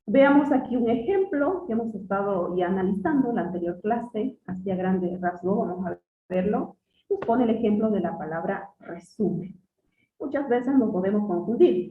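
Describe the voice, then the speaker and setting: A woman teacher leads a lesson, quizzing her students with patience and saying key words slowly twice over. Her voice is mid-pitched and set back from the mic. The sound is thin and phone-like, with a hollow echo of the room. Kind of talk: classroom lesson. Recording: distant echoey phone-like sound.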